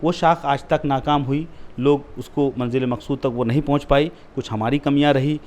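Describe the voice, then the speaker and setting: A man in his thirties, a political candidate, arguing forcefully in a heated interview and getting loud when challenged. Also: mid-range voice, steady tone, normal speed, slight background noise. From India.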